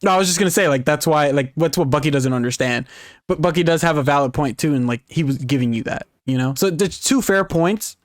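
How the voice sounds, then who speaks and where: A man co-hosting a gaming podcast, chatting excitedly, swearing freely and laughing often. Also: a little high, fast talker, no room sound, clean studio sound. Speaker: podcast co-host. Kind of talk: casual chat.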